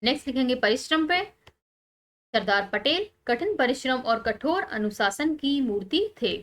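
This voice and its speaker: A woman teacher, calmly explaining textbook answers step by step and pausing on key words. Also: sits high.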